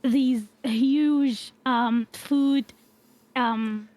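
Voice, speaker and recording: A woman guest on a casual podcast, speaking hesitantly with many pauses and fillers. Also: on the high side, fairly even intonation, dark tone.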